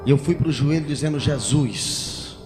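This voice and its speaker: A man preaching a Pentecostal sermon with a Brazilian Portuguese accent, building to shouted, chanting passages and speaking in tongues. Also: a little high, unhurried. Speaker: pastor. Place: church. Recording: long church reverb with music.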